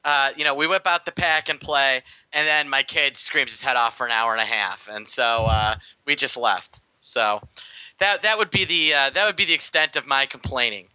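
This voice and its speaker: A man's voice: mid-range voice, moderate pace, clean tone, no room sound. A man with a tinny, metallic-sounding voice, joking around as a regular co-host over a remote call. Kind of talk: joking casual banter. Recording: dull, tinny, dry remote call audio.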